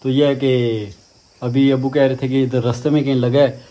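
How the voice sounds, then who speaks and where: A man chats loosely to his viewers, recorded outdoors on farmland. His pitch sits in an ordinary middle range for a man. He wanders from point to point, often circling back through the same filler phrases. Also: little pitch movement, normal speed, dark tone. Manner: rambling, chatty, leans on filler phrases. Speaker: vlogger. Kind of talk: casual vlog chat while doing garden work.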